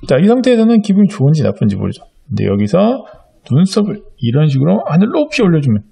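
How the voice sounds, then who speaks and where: A middle-aged man leads young children through a drawing lesson, patient and step by step, pausing on fillers as he works. His voice is gravelly and a little husky, mellow in tone. His pitch rises and falls freely as he explains. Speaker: art teacher.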